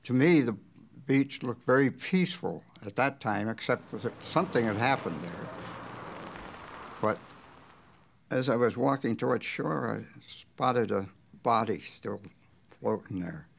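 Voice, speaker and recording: Gravelly elderly veteran remembering. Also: male voice, medium pitch, expressive, unhurried, low-quality recording. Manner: old veteran remembering, rambling. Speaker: war veteran, former officer. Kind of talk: documentary interview reminiscence.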